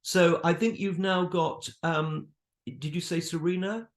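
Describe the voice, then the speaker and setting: A man's voice: fairly high pitch, fairly even intonation, unhurried. A man hosting informally and giving effusive feedback, repeating phrases for emphasis, with a roomy, echoing sound. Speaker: host.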